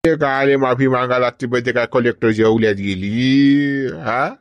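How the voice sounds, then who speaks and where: A man's voice: medium pitch, fairly even intonation, moderate pace, dry recording, dull audio. A man in comic village banter, blustering and dismissive.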